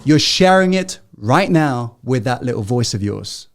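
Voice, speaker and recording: A man hosting a live motivational masterclass, firing rhetorical questions at his audience and swinging between loud, emphatic urging and hushed, intimate asides. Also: medium pitch, animated, a little slow.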